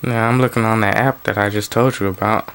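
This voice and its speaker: A political commentary vlogger with a lowish, smooth, fairly bright voice reads news articles briskly and with fairly even intonation. He breaks up the plain reading with his own casual, offhand asides and occasional restarts.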